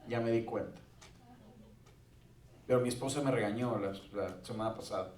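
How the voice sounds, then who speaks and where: A man's voice: on the low side, moderate pace, darkish tone. A male pastor preaching a sermon in a conversational way with joking asides. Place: church sanctuary. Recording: roomy church sound from a distant mic.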